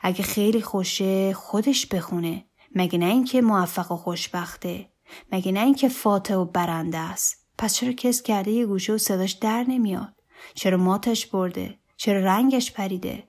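A worn-out middle-aged man , voiced by a female reader, grumbles to himself in bitter, questioning thoughts. It stays close to the storyteller's own even voice, only slightly raised. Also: mid-range voice, natural voice. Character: weary, trapped middle-aged man at a party. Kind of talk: audiobook story reading.

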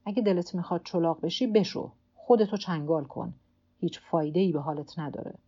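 A woman's voice: fairly low pitch, dark tone, dull audio, close to an everyday voice. A woman reading a weary old fisherman talking to himself. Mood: muttering to himself. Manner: talks to himself and his cramped hand, gruff and stubborn. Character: weary old male fisherman alone at sea. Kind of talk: audiobook character voice.

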